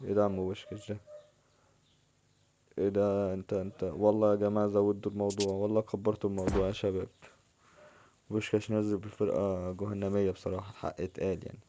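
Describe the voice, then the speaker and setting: A young man with an Egyptian Arabic accent, commenting casually on his own football video game match and shouting at the players in excited bursts. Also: fairly low pitch, fast talker, slight background noise. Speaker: gaming channel host.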